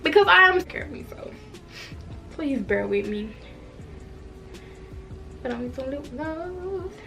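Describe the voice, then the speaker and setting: A woman's voice: sits high, animated, slow pace, gravelly, bright, forceful tone, faint music behind. A woman in her twenties with a congested, stuffy voice, chatting straight to viewers in a casual hair review vlog at home. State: congested from a cold. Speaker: hair vlogger. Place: at home, washing machine running nearby.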